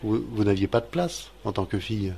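Low, dark-voiced male dream interpreter. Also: animated, creaky, a little hiss or hum. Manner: measured, deliberate with many fillers. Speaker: radio host interpreting dreams.

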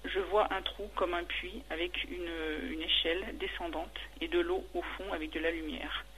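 Woman caller on a radio call-in, crisp bright tone, narrates evenly, falters under questions. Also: on the low side, slight background noise, rough recording. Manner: halting and hesitant when answering; steady retelling of a dream. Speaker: caller describing a dream.

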